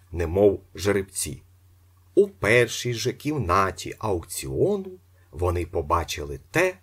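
A man narrating an audiobook, telling the story in an expressive way. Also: low voice, husky.

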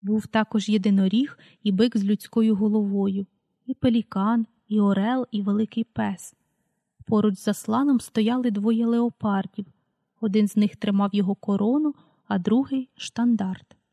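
A woman reading a children's story aloud in a calm, unhurried way, calling out page numbers as she goes. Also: mid-range voice, no room sound. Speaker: audiobook reader.

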